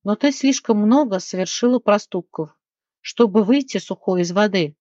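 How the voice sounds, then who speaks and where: Stern grave high fairy, measured speech, read by a woman narrator; dry muffled storybook recording. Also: a little mellow, dry recording, natural voice.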